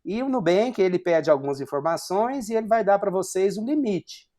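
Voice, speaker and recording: A man's voice: high-pitched, expressive, moderate pace, dark tone. A man in his forties from Brazil giving an online university lecture, explaining step by step with frequent fillers and rhetorical questions. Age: 40s.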